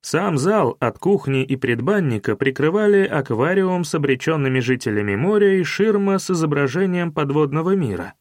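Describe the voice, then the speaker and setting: A man narrating a detective novel as an audiobook in a wry, measured storytelling manner. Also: a little high, animated, no room sound, clean studio sound.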